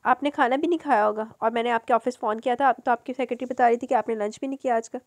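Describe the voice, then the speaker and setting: Casting: woman reader as a devoted, bossy daughter, bright-pitched, dry sound. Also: fairly even intonation, quick pace, no echo, natural voice. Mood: eager. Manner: eager, fussing, insistent. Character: cheerful, devoted young daughter, strong-willed.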